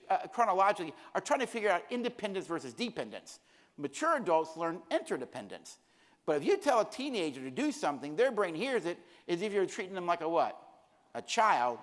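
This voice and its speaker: A middle-aged man presenting at a conference, speaking earnestly and repeating phrases for emphasis. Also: high-pitched. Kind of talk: conference lecture. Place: conference hall. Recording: long hall reverb.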